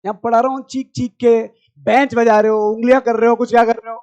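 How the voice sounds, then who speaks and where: High-voiced male teacher shouting in class. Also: flat delivery, fast talker, dry recording, muffled recording. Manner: loud, scolding and coaxing students. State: strained throat. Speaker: chemistry teacher. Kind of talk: classroom lecture.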